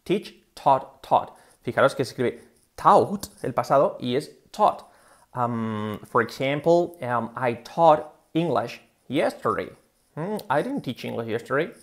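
Gravelly man teaching English. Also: medium pitch, lively intonation, unhurried. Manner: explains with many fillers and restarts, models English words. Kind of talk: casual video lesson.

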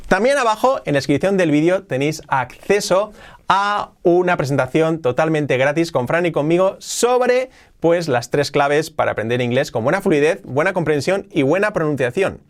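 A young man from Spain with a Spanish accent, hosting a casual video lesson on learning English. He talks in a lively way and often repeats himself. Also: a little high. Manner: lively, repeats himself, quick asides and laughs. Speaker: English teacher, channel host.

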